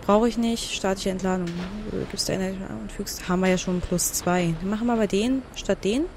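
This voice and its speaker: A woman's voice: mid-range voice, moderate pace, background noise. Chatty woman thinking aloud over gameplay. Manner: thinks aloud and reads game menu text out; chatty, talks to the game. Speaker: let's player. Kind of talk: blind gameplay commentary.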